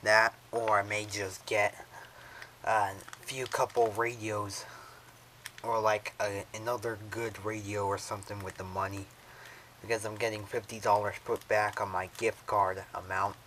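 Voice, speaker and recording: Fairly low-pitched and fairly bright, this man's voice stays level and unhurried, with slight background noise. He's a radio collector rambling casually through an unboxing vlog, handling the radio as he talks and filling gaps with "so" and "uh."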